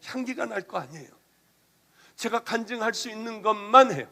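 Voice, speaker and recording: A middle-aged male pastor giving an emotional sermon testimony, moving between loud passages and hushed ones. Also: high-pitched, lively intonation, moderate pace, gravelly, faint music behind.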